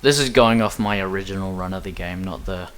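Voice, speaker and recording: A young Australian man with an Australian accent speedruns a game while giving casual commentary, chatty and self-deprecating, with rambling asides. His voice sits low, a bit bright, and he talks briskly with a clean tone.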